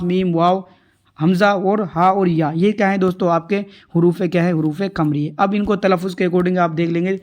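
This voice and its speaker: Male tutor, high voice, explains answers step by step with rhetorical questions. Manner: repetitive, rhetorical questions, addresses viewers as friends. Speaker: exam tutor. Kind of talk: answer-key lesson.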